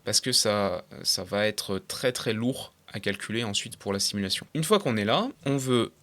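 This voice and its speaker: Young man, tutorial voice-over, casual, step-by-step, somewhat low voice, desk mic. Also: expressive, normal speed, fairly bright tone. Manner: casual, explains step by step, frequent fillers; slips in English terms, swears casually. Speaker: tutorial creator. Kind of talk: screen-recorded software tutorial.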